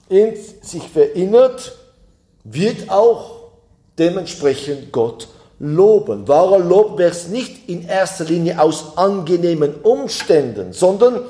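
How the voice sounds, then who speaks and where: A man preaching a sermon in a slow, emphatic way, his voice climbing with fervor at times. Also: a little high, dark tone, reverberant.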